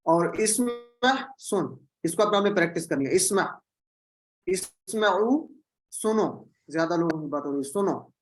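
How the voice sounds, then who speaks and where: A man's voice: sits high, lively intonation, unhurried, rough recording. A man teaching Quranic Arabic in an online class, patiently drilling and repeating word patterns. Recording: video call audio.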